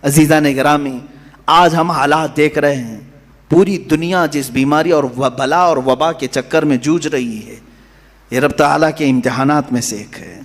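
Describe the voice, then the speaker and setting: A man preaching an impassioned sermon, telling a story dramatically and swinging between soaring and hushed delivery. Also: on the high side. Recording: hall reverb.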